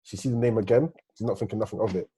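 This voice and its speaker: A man's voice: on the low side, racing, warm tone, slightly rough. A man, a guest on a casual podcast, telling stories emphatically in street slang. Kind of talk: casual chat.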